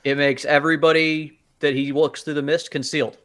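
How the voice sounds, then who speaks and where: A man's voice: on the high side, level tone, a little fast, a bit bright. A man talking casually as a player in a tabletop role-playing game.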